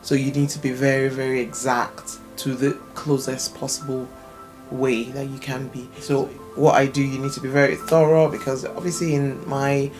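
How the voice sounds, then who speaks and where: A woman's voice: extremely low pitch, level tone, moderate pace, darkish tone, faint music behind. A woman who grew up in Nigeria, talking casually as an interview guest about her businesses and background, with many fillers. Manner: thoughtful, explains at length with many fillers.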